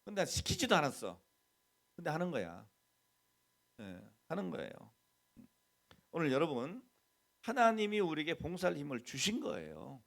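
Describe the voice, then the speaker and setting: A man's voice: a little high, wildly swooping pitch, normal speed, creaky, long pauses, a bit bright. A middle-aged man, the senior pastor, preaching a conversational sermon. He keeps asking the congregation questions and acts out quoted bits of dialogue. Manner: mixes plain talk with quoted mock dialogue.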